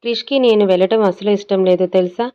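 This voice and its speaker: A woman's voice: medium pitch, fairly even intonation, fast, dark tone, clean tone, natural voice. A woman voicing a vain, scheming young woman who talks in a boastful way, in a dull lo-fi audio story recording. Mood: smug. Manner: smug and boastful.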